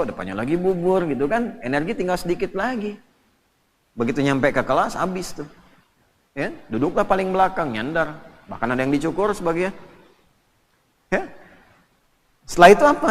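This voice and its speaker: Male preacher from Indonesia, animated and humorous, recorded in a reverberant hall. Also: on the high side, slight background noise. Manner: lively and joking, quoting Arabic scripture. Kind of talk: sermon.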